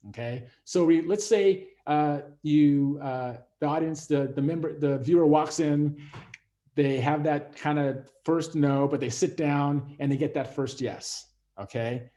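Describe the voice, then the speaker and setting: A man's voice: on the high side, unhurried, warm tone. A man teaching a masterclass on series writing, talking conversationally with many fillers and restarts. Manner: acts out quoted voices. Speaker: instructor.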